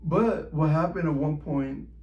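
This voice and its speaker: Warm and a touch high, this man's voice moves a little slowly as he shares a personal story in a laid-back vlog monologue. His speech is slangy, heavy on "like" and "bro" and frequent cursing, while the recording sounds roomy and dull.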